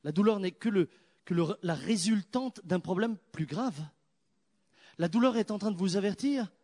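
Animated, high-voiced man preaching a sermon. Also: moderate pace. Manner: animated storytelling, swinging from loud exclamations to hushed prayer.

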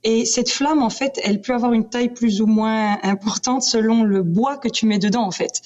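A guest speaker from British Columbia, Canada, chats casually and passionately about her faith, animated and restarting often. Her pitch is fairly high and her pace moderate, in a dull lo-fi recording.

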